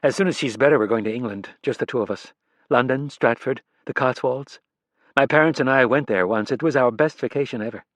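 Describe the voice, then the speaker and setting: A man's voice: mid-range voice, a little fast, fairly bright tone, no room sound, close to an everyday voice. A man reading an audiobook, voicing a chatty, upbeat young female magician who brushes off worries. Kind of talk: audiobook character voice.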